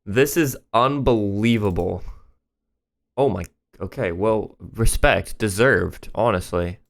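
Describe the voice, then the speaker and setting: Man, fairly low voice, casual reaction commentary, candid, eager. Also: slow pace, gravelly. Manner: candid and enthusiastic, thinking aloud. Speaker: reaction channel host.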